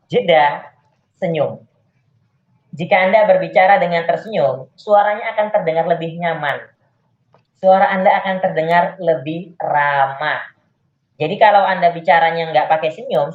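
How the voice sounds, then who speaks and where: A public speaking coach teaching an online class, talking deliberately with clear pauses over a video call. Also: mid-range voice. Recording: echoey, phone-like video call audio.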